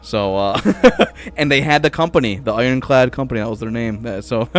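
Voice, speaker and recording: A man's voice: mid-range voice, moderate pace, soft background music. A man narrating as game master, hesitant with many fillers and little laughs.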